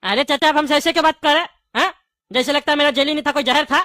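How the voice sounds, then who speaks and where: A woman playing a chatty male candy shopkeeper in a comedy skit, quick to argue and laughing often. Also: sits high, fairly bright tone, no room sound, raised voice, studio quality. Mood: indignant. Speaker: comic skit actor.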